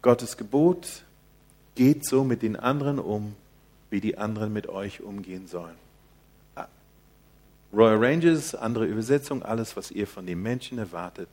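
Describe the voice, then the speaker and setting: An older man preaching a sermon in a quiet, soft-spoken manner. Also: fairly low pitch.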